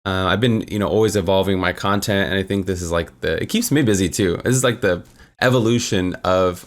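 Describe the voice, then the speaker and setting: Low-pitched and full of vocal fry, this male gaming content creator is losing his voice, which sounds slightly worn. He rambles cheerfully through a tier list of game builds, filling the gaps with plenty of fillers.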